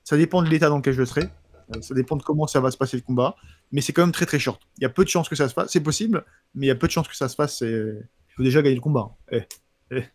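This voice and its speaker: A man chatting casually like a combat sports commentator on a livestream, informal and halting, with a lisp that makes his s sounds slushy. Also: mid-range voice, darkish tone, no echo. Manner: informal, halting with repeated words and slang. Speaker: professional MMA fighter answering viewer questions.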